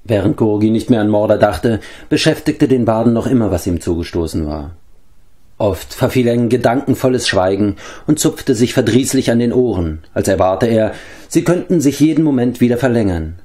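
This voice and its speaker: A man calmly narrating a storybook in a measured way. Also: lowish voice. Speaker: audiobook reader.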